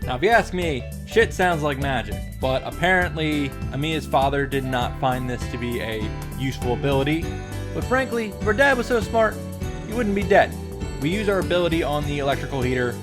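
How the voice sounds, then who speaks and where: Brisk and expressive, this man's fairly high voice carries commentary recapping a visual novel, peppered with sarcastic, sweary, exclamatory asides. He's a gaming YouTuber, and music plays behind him.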